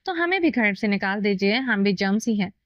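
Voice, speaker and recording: A woman voicing a sharp-tongued young wife and mother who answers with snappy sarcasm. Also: mid-range voice, lively intonation, fairly quick, no room sound, close to an everyday voice. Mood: sarcastic. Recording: dull lo-fi dry recording.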